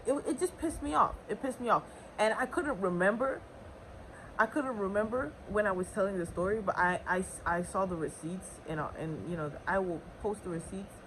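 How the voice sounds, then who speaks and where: A woman's voice: medium pitch, a bit bright, rough recording. A young woman vlogger telling a casual storytime, chatty and full of fillers and restarts. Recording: faint background noise.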